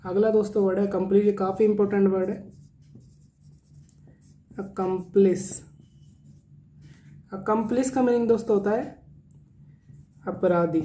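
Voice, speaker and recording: A man gives an exam vocabulary lesson, explaining in Hindi and reading English definitions word by word. His voice is mellow and unforced. He spells terms letter by letter and repeats each meaning several times. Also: sits high, fairly even intonation, moderate pace, long pauses, a little hiss or hum. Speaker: vocabulary teacher.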